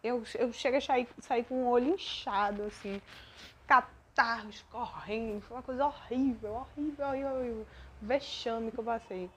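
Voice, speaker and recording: A woman's voice: a little high, moderate pace, darkish tone, slight background noise. Young Brazilian woman, podcast host, rambling, self-deprecating and emotional monologue.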